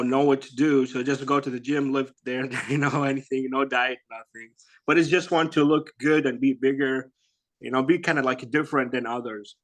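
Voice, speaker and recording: Man, thirties, halting speech, lots of fillers, interview guest. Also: mid-range voice. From Iraq. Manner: halting, lots of "you know" and "like", laughs softly. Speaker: guest, bodybuilder. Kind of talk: casual interview answers.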